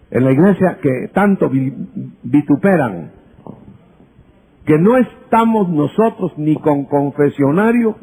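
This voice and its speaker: A man preaching a sermon with emphasis, rising at times to shouts and acting out conversations with his listeners. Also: sits high, slightly rough, rough recording. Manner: acts out dialogues with listeners.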